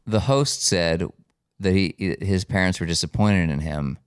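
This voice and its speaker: This podcast co-host has a deep, smooth voice, talks a little slowly, and is recorded without echo. His casual chat carries dry, wry humor with a weary edge.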